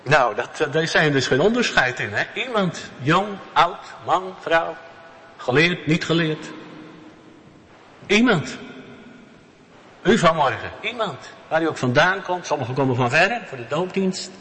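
A man preaching a sermon in a church, slow and emphatic, repeating key words. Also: fairly high pitch, lively intonation, pushed and bright. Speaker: pastor. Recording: long church reverb.

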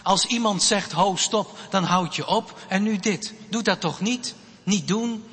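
A stern male schoolteacher scolds in a firm, bright, slightly raised voice, as a preacher acts him out in a story. His words ring out slowly through the long reverb of a church hall. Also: sits high. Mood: scolding.

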